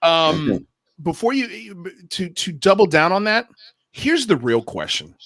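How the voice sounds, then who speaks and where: Man, live-stream host, emphatic, laughs easily, slightly high voice. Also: sing-song, unhurried, fairly bright tone. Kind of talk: casual live-stream panel chat.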